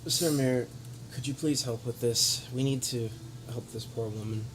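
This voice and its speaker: A man's voice: medium pitch, normal speed. A man talking casually as a player in a tabletop game. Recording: clear background noise.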